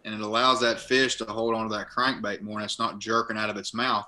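A young man from Kentucky, a college linebacker and bass angler, joins a casual interview as a guest by laptop webcam from his living room. His bright, tense voice sits on the low side, a little fast, in an even monotone, and he rambles and restarts phrases often.

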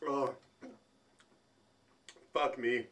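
Brief: male food vlogger, unhurried, halting thinking-aloud delivery. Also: medium pitch, flat delivery, fairly bright tone. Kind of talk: food tasting vlog.

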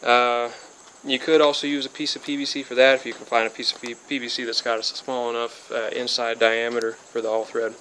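A man in his twenties, a DIY hobbyist who's a bit sick and spacey, gives a casual how-to on a backyard build, first by a car outdoors and then under a metal-roofed shed. He talks fairly quickly with hardly any pauses, flat and even at middle pitch. He rambles, often losing his thread, with many "uh" fillers and self-corrections. Faint crickets and insects hum behind the close camera mic.

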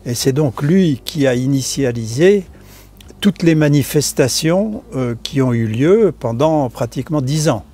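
An older Frenchman, a member of an association, explains how a restoration was funded during an outdoor interview on a stone chapel tower's balcony. His mid-range voice is mellow, animated, and a little slow with a breathy edge, and his casual answers are hesitant, full of fillers and restarts.

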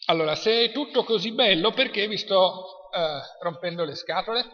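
A man's voice: sits high, normal speed. A man with an Italian accent giving a university lecture, chatty and quizzing the class. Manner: chatty, asks the class questions. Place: lecture hall. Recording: dull lo-fi sound in a reverberant hall.

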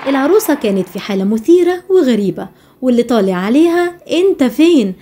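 Female Egyptian news voice-over, brisk, high-pitched, mellow timbre. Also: big pitch swings, a little hiss or hum. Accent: Egyptian Arabic. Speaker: news narrator.

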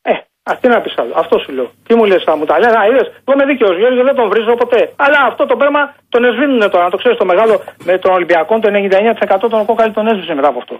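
Insistent Greek caller on a phone line. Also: male voice, high-pitched, few pauses. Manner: insistent, repetitive, excitable. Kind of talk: call-in radio debate.

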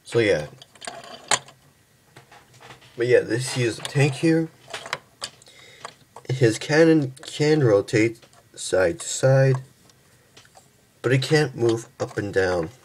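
A young man casually reviewing and transforming a toy figure, halting and stumbling over his words, tired from just waking up. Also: medium pitch, lively intonation, a little mellow, a little hiss or hum. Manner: halting, stumbles and restarts often.

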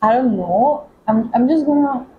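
A woman talking through a makeup tutorial as a beauty vlogger, chatty and excitable, with many fillers. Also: on the high side, normal speed, phone-quality sound, a little hiss or hum. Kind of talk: casual makeup tutorial chat.

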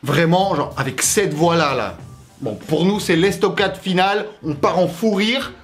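A man's voice: high voice, moderate pace, fairly bright tone, faint music behind. A young man from Russia with a Russian accent, telling a joking personal story on his vlog with slangy asides. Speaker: YouTuber.

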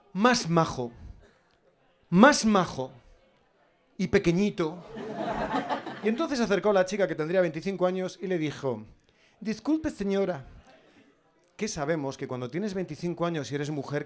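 A man with a Spanish accent from Spain doing a stand-up comedy monologue on stage, animated, with ironic asides. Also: fairly high pitch, normal speed.

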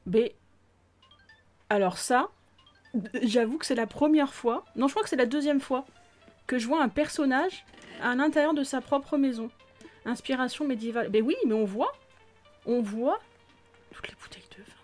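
A woman's voice: sits high, moderate pace, pauses often. Gushing, exclamatory French woman streamer. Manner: gushing, exclamatory, often drops to a near whisper. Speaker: gaming video host touring viewers' islands. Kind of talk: casual gameplay commentary. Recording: faint music behind.

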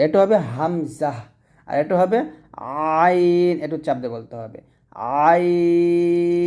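A man with a dark, mellow tone gives a lesson on pronouncing letters. He explains patiently and repeats each point, drawing out the letter sounds as he demonstrates them. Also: on the high side. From Bangladesh. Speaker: Quran reading teacher.

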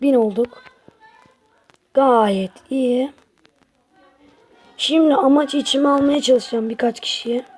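A woman's voice: high-pitched, a little mellow. A woman giving casual gameplay commentary to her viewers, grumbling and exasperated as she plays. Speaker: gaming channel host.

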